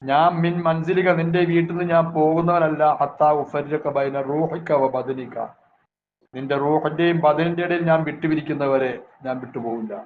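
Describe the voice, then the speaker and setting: A man's voice: fairly high pitch, steady tone. Malayali man teaching religion over tinny audio. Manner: reads Arabic phrases then explains them, slow and measured with prayers. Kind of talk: religious class, reading Arabic and explaining. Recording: tinny phone-like audio with faint hiss.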